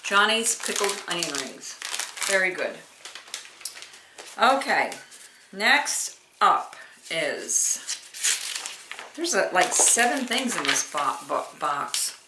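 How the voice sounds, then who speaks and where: A woman's voice: fairly low pitch, very animated, takes it slowly, pauses often. A middle-aged woman vlogging a casual snack taste test, chatty and homey, thinking aloud as she goes. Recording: echoey room with clear noise.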